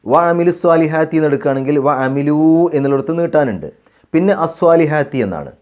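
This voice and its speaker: A male Quran teacher from Kerala. He chants verses slowly and melodically, then explains recitation rules calmly step by step, repeating phrases to model the pronunciation. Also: a little high. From Kerala, India. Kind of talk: tajweed recitation lesson.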